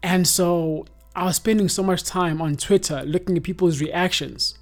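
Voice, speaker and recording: Soft music plays behind a South African podcast host in his twenties, who speaks in a high voice at a moderate pace. He chats casually and rambles easily, filling his talk with lots of fillers.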